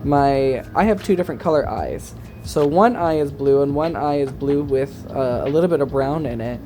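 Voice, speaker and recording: A man's voice: medium pitch, normal speed, warm tone, soft background music. A man talking as a sassy, campy, chatty drag queen in a casual makeup tutorial voice-over.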